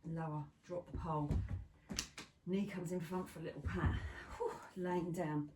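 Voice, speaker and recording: A woman instructor leading a pilates class, counting down reps and giving steady step-by-step cues. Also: on the low side, unhurried, noisy background. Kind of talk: guided exercise class cueing. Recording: echoey room from a distance.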